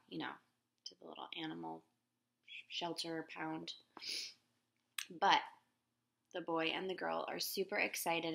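Sitting in her living room in front of a nearby laptop webcam, a woman in her thirties with a gravelly voice reads a picture book for children. She speaks gently and expressively in a teacher's manner, goes higher for the characters' lines, and asks viewers questions.

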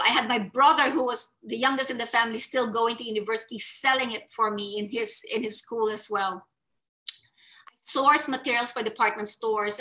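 A woman in her forties from the Philippines, with a slightly high voice, earnestly tells her personal story at an online summit, expressive and gesturing with her hands. She speaks on a webcam in a small indoor room against a plain wall, and the recording is low quality.

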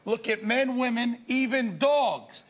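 A man doing a comedy bit, making cocky deadpan judgments about strangers and quizzing them on the street. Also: extremely high pitch, slow pace. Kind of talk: comic street interviews.

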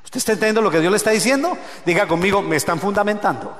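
A man preaches in a church, his voice sitting high for a man. It rings through a roomy hall with long reverb. He jumps from shouted peaks down to low, hushed asides and keeps asking the congregation to repeat after him. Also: animated, rapid-fire. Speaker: pastor. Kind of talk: sermon. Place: church sanctuary.

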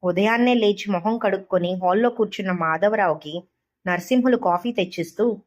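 A woman reading a short story aloud as an audiobook narrator, in a calm, measured way. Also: medium pitch.

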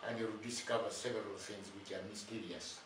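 An older man preaching a sermon, speaking slowly and deliberately in short phrases with long pauses. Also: lowish voice, steady tone. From Uganda. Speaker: bishop. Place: indoors, plain room. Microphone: far camera. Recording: very echoey room, far from mic, faint noise.

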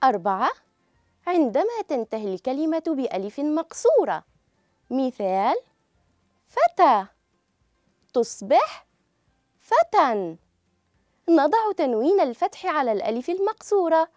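A woman teaching a children's grammar lesson, speaking slowly and clearly and drawing out each example word for pupils to repeat. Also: high-pitched, very animated, warm tone, dry recording, clean studio sound, faint music behind. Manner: clear, drawn-out model pronunciation.

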